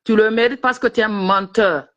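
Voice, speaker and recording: A woman's voice: medium pitch, fairly even intonation, a little fast, a bit bright, highs cut off. A woman who is a guest on a live stream, ranting indignantly and hurling insults. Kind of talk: heated live-stream chat.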